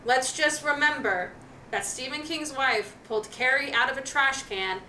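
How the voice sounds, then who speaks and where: A woman's voice: high-pitched, normal speed, pushed and bright. A woman co-hosting a podcast in casual chat, retelling anecdotes with quoted voices. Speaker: podcast co-host. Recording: echoey room, faint noise.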